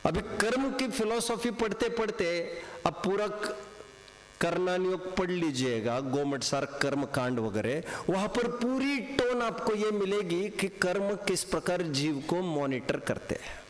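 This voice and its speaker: High-voiced man teaching in an echoey hall. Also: expressive, measured pace. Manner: quizzing, repeating questions, mixing English words. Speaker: religious teacher. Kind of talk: classroom teaching with questions to students. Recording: echoey hall with long reverb.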